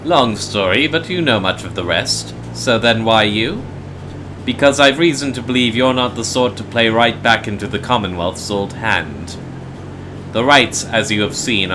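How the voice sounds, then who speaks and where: A man reading a video game's dialogue as a learned mentor, formal, rhetorical, measured and persuasive. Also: fairly low pitch, background noise, natural voice. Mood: earnest, explanatory.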